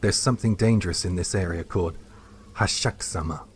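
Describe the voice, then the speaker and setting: A man voicing a worried elderly grandmother, speaking softly and reassuringly in a story reading. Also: low voice, fairly quick, slight background noise, close to an everyday voice. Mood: hushed. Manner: soft, reassuring. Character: worried elderly grandmother, gentle but shaken.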